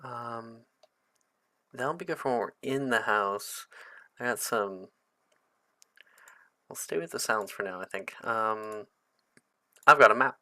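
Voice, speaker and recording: A man's voice: mid-range voice, slow, pauses often, bright, forceful tone. A man running a tabletop game as game master, narrating loosely with frequent ums and likes.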